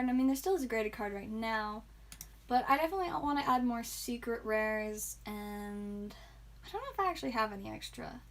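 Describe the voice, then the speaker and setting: A woman hosting a live card-opening stream, chatting and giggling with viewers, tired and a bit loopy. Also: on the high side. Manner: chatty, giggly, talks to chat viewers by name. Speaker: livestream card seller and host.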